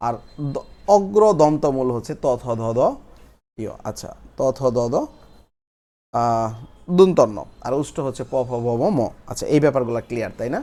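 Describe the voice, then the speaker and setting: A man's voice: mid-range voice, expressive, moderate pace, long pauses, dark tone. A young man teaching a recorded grammar class, explaining step by step and repeating each key term for students to write down. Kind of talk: recorded online class lecture.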